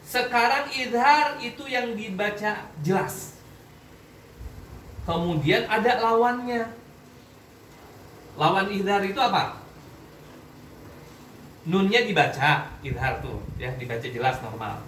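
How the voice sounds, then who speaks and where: In an echoey room, recorded from a distance over faint background noise, a man leads a Quran recitation lesson. His voice sits high and is fairly bright and animated, though he speaks slowly and pauses often. He regularly quizzes his students and checks their understanding.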